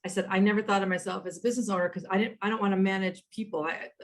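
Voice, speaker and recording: Guest, woman, 50s, rapid and animated storyteller on a video call, self-quoting. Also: medium pitch. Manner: animated, quotes herself, frequent restarts. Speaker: guest, author and entrepreneur. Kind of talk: conversational storytelling.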